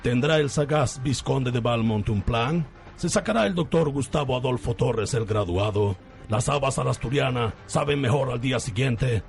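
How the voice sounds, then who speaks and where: This creaky, mid-range male voice moves at normal speed. He is the host and narrator of a parody radio soap, speaking with a Spanish (Spain) accent in a theatrical, scripted way.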